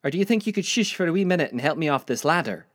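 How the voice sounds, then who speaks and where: A man voicing a bossy, tiny Scottish grandmother in her eighties, who scolds briskly in a Scottish accent. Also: low voice, animated, dry recording, studio quality, pitched above the performer's own voice. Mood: scolding. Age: 80s.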